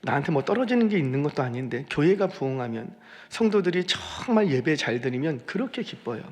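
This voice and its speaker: A man preaching a sermon as senior pastor, animated and repeating phrases for emphasis, in a church sanctuary. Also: a little high, brisk, in a large hall.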